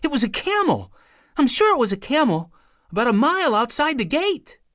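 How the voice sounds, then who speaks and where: A man voicing an eager five-year-old boy, breathless and high-pitched. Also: huge pitch swings, normal speed, a bit bright, exaggerated voice. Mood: excited.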